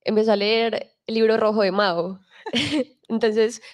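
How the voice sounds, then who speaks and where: Relaxed woman moderating a festival talk. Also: on the high side, takes it slowly. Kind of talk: conversational interview questions.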